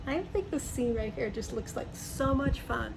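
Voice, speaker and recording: Reading a picture book to young kids, a woman with a slightly high voice and lively intonation keeps a moderate pace, mixing in chatty comments, easy explanations and questions to her audience. Noticeable background noise is present.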